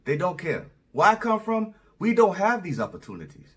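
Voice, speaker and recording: A man imitating an earnest, puzzled African man in his thirties, speaking with an African accent in a halting, bewildered way that repeats itself. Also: sits high, big pitch swings.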